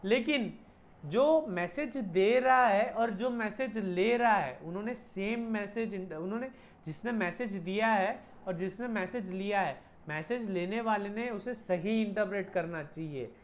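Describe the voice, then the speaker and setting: A woman's voice: medium pitch, a little slow, slight background noise. A woman teaching an online commerce lesson, mixing Hindi with Indian-accented English and repeating key points. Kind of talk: online lecture.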